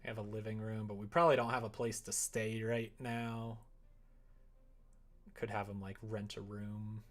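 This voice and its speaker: Speaking in a lowish voice at normal speed with little pitch movement, a livestreamer works on his visual novel at home. His talk is casual, meandering and hesitant, as if he's thinking out loud.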